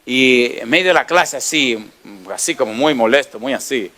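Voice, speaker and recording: A man's voice: mid-range voice, moderate pace. A middle-aged man preaching a sermon as pastor, telling anecdotes, acting out dialogue and firing rhetorical questions at the congregation. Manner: animated storyteller, acts out dialogue, asks rhetorical questions.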